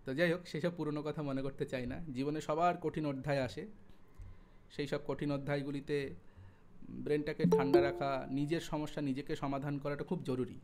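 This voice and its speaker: A young man with a West Bengal Bengali accent teaching an online exam-prep lesson, chatty, with asides and everyday examples and drawn-out spelling of sounds. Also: fairly high pitch, little pitch movement, music in the background. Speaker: Sanskrit exam tutor.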